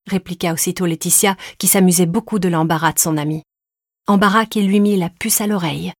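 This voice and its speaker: A woman narrating a novel as an audiobook, in a steady, measured reading. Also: on the low side, no echo, clean studio sound. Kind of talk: scripted narration.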